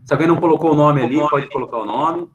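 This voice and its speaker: Lo-fi audio from a computer mic on a video call captures a Brazilian man with a slightly high voice teaching an online middle school class. With a Brazilian Portuguese accent, he explains patiently, checks in after nearly every phrase, and fills pauses with a questioning tag.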